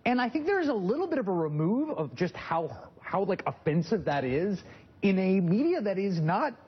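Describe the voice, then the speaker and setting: A man's voice: high voice, very animated, moderate pace, slightly rough, lo-fi sound. A man hosting a news panel discussion, who thinks aloud with restarts as he talks. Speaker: host.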